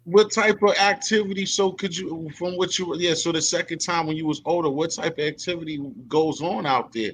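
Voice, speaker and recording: A man's voice: fairly high pitch, brisk, hardly any pauses, a bit bright, slight background noise. A man hosting a casual interview, talking in a loose, rambling way with lots of fillers. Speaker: host.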